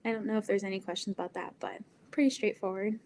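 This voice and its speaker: A woman's voice: mid-range voice, fairly even intonation, fast talker, darkish tone. A woman giving a casual online presentation on Spanish pronunciation, chatty with frequent ums, likes and laughs. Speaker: presenter teaching Spanish basics.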